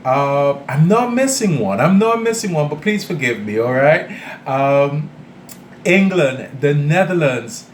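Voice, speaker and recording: A man runs a casual cooking vlog from his home kitchen, speaking to his viewers at an unhurried, drawn-out pace. He talks to them directly and keeps checking in with them. The room rings with echo, and a faint hum of background noise sits underneath. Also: fairly high pitch, expressive. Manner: chatty, addresses viewers directly, often tags "all right?". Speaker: cooking channel host. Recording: echoey room.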